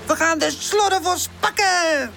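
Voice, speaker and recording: A woman voicing an eager, bold young male puppy, calling out in an excited, squeaky voice. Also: a little slow, creaky, faint music behind, full character voice.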